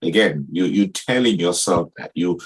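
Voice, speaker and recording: Very deep, husky man explaining firmly. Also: moderate pace, poor audio. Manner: firm, explanatory, counseling tone. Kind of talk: casual talk-show discussion.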